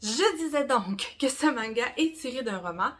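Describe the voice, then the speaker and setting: A woman in her forties with a Québécois accent, giving a casual, rambling review of her month's reading, with self-mocking asides and some soft whispered comments. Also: a little high, animated, moderate pace. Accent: Québécois French. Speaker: book vlogger.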